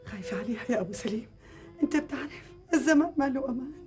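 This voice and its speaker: A woman's voice: high voice, expressive, racing, darkish tone. An anxious, pleading Damascene mother. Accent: Damascene Arabic. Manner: pleading, fearful.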